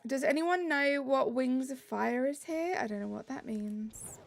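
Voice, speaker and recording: A woman from Britain streams a game and reads her chat aloud in a bubbly, casual way, with light music in the background. She has a high-pitched voice with vocal fry and keeps a measured pace.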